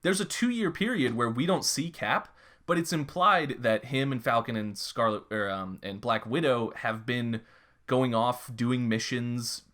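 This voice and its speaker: A man's voice: medium pitch, measured pace, fairly bright tone. A young man co-hosts a podcast in loose, casual conversation. He rambles, doubles back on his words and leans on fillers as he thinks aloud. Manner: rambling, lots of restarts and filler. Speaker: podcast co-host. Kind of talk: casual chat.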